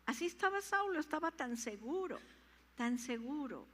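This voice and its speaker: A woman's voice: high voice, very animated, normal speed. A woman pastor preaching a sermon, emphatic and repetitive, rising to fervent peaks, in a reverberant church hall.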